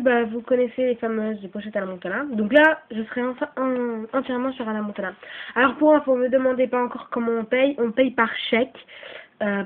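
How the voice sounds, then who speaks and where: At a medium pitch, a woman with a cold and a cough casually talks through items she's selling in a video for her channel. She rambles, stops often, says sorry, and fills gaps with "euh" and "voilà." The sound is lo-fi and tinny, with faint noise.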